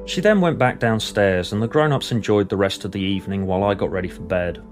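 A man reading a scripted story in a deadpan, matter-of-fact way. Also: on the low side, fast, soft background music. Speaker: narrator. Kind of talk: scripted narration.

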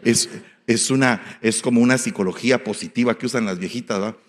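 Folksy Guatemalan pastor in a reverberant hall. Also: male voice, medium pitch, a little fast. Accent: Guatemalan Spanish. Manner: animated, folksy, swings between soft asides and loud exclamations. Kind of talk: storytelling sermon.

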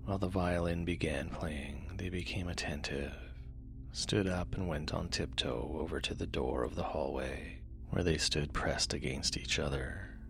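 Very deep, creaky male sleep story narrator. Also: measured pace. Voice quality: soft, low, gravelly. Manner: hushed and calming, often trailing into breathy near-whisper. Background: music.

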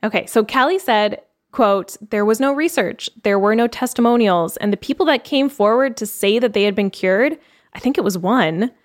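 A Canadian woman co-hosting a podcast tells a case story in a chatty, casual way, full of fillers. Her voice is fairly high and expressive, and she talks at a normal speed.

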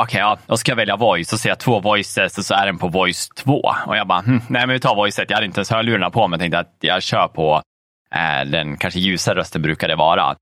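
Bright-toned, low-voiced man chatting casually. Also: no room sound, clean studio sound. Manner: rambling, many fillers and casual swearing. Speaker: podcast co-host. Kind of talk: casual chat about video games.

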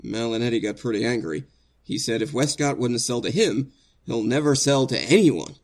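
In a 1940s-style radio drama, an actor plays an anguished innocent man facing execution, speaking earnestly and haltingly as he stammers with emotion. His medium-pitched voice has lively intonation, and the mood is earnest and uneasy.

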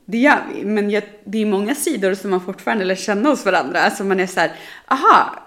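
A young woman co-hosting a casual podcast chat, telling animated stories and laughing often. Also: medium pitch. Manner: animated storytelling, quoting others, laughs often. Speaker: podcast co-host.

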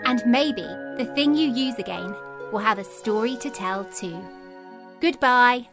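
Woman, higher-pitched voice, children's story narration, podcast host, soft background music. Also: unhurried.

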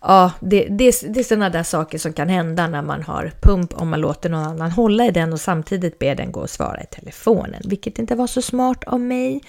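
A woman's voice: on the low side, animated, few pauses, darkish tone. A young adult woman chatting casually about her own experiences, rambling with fillers and restarts. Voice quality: creaky. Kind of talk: casual personal storytelling.

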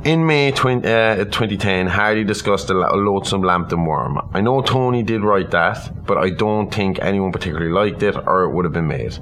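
A man co-hosting a podcast casually recaps a film's story in a low, slightly bright voice with lively intonation. He talks at a normal speed with few pauses, and background room noise is clearly audible.

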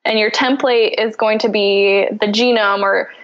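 A woman scientist, a podcast guest, explaining research step by step in a relaxed, easy way. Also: mid-range voice, measured pace, highs cut off. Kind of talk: casual explanatory interview.

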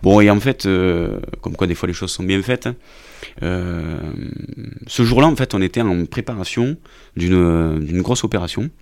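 A French army officer telling a story from a deployment in a casual interview, talking hesitantly with many restarts. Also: male voice, low voice, a little slow, a little mellow. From France.

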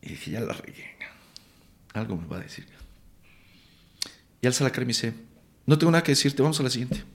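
Guest actor, male, Mexico City accent, lively anecdotal delivery with salty slang. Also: medium pitch, brisk, vocal fry. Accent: Mexican Spanish. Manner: animated, acts out quotes, swears casually. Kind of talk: casual storytelling interview.

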